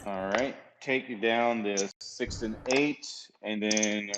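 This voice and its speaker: Guy playing dice, kinda halting, thinks out loud while calling bets, bit of noise and clicks. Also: lowish voice, fairly even intonation. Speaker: craps player calling bets. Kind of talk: casual chat during a dice game. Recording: noisy room with clicking.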